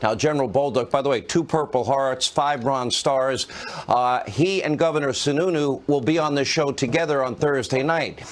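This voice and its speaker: A man opening a cable news show, announcing stories in a brisk, emphatic way. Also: medium pitch. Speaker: TV host.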